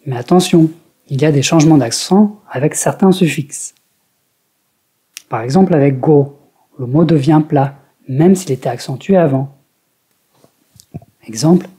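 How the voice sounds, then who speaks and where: A speaker from France narrating a scripted language lesson in a measured, explanatory way. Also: mid-range voice, dark tone. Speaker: language teacher.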